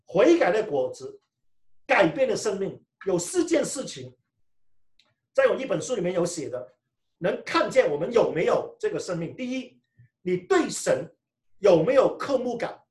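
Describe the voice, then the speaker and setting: A male preacher gives a lively sermon, his pitch rising and falling widely as he tells personal stories and trips over his own restarts. He sounds set back from the microphone in a roomy, echoing church hall. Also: normal speed. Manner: animated storytelling, often restarting phrases. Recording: echoey room, mic far off.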